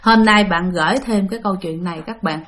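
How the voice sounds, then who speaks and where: A woman's voice: fairly low pitch, a little fast, a bit bright. A woman with a Southern Vietnamese accent narrating ghost stories for her channel, chatty and often addressing her listeners. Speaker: ghost story channel host. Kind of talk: spoken ghost story narration.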